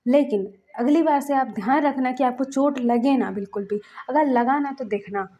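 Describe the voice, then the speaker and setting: A woman voicing a gentle young male doctor who softly reassures his worried elder brother. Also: high-pitched, moderate pace, muffled recording, lightly acted. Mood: soothing. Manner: soft, pleading, reassuring.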